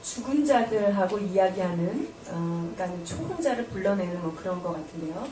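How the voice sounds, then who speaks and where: A woman's voice: medium pitch, lively intonation, moderate pace, dark tone. A woman interpreting a sermon into Korean, speaking to the congregation in a polished, explanatory way. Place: church sanctuary. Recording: echoey church hall, distant mic.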